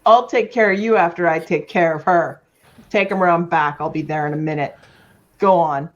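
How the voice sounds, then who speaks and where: A woman reading menacing lines in a flat, casual way at a livestream table read. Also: lowish voice, moderate pace, dull audio.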